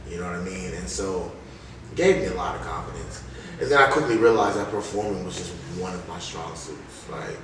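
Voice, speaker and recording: A deep-voiced man, talking a little fast, tells stories casually in an interview as a rap artist. He uses informal slang, quotes other people and peppers his speech with "like" and "you know." The mic is distant in a very echoey room with loud noise.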